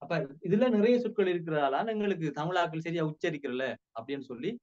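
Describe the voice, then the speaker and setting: A man with a Sri Lankan Tamil accent giving a casual spoken language lesson, repeating words slowly for drill. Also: fairly high pitch, lively intonation, darkish tone, muffled recording. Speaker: language teacher.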